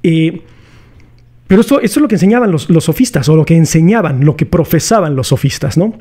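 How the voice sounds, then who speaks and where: A man's voice: fairly high pitch, animated, fairly quick, warm tone. A man with a Mexican accent hosting a casual philosophy lesson, talking in a chatty, slangy way and putting rhetorical questions to his viewers. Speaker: philosophy video host. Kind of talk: casual explanatory lecture.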